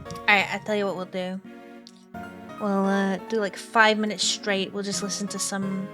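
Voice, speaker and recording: A woman livestreamer chatting casually with viewers in a cute, animated manner, often tagging her sentences with "yeah". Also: mid-range voice, normal speed, music in the background. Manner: habitually tags sentences with a questioning or affirming "yeah"; casual swearing.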